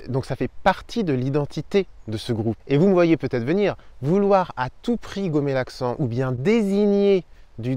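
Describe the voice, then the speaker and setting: An emphatic, punchy man teaches Spanish as a native French speaker, his voice sitting a little high. He hosts an energetic video lesson and rant, recorded outdoors in an old town. The sound is close and dry, with little reverb. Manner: emphatic, punchy, explaining clearly. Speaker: Spanish teacher and channel host.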